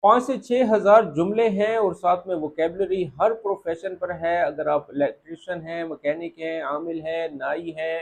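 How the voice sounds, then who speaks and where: A man teaching spoken Arabic phrases, saying each phrase slowly and more than once before explaining it. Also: on the high side, steady tone. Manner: repeats phrases slowly and drawn out, then explains. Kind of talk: spoken language lesson.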